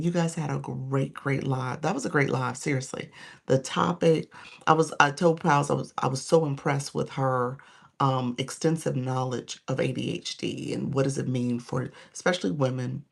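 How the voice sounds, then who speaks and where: A hoarse, tired-sounding woman coaches on a phone live stream, breaking between points for casual chat and greeting viewers by name. She has a bass voice with fairly even intonation and a moderate pace.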